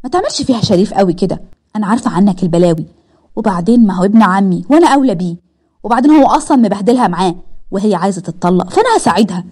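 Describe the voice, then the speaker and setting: A woman's voice: medium pitch, animated, rapid-fire, warm tone, husky. A woman with an Egyptian accent voicing a scheming, jealous young woman who talks sharply and dismissively. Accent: Egyptian Arabic.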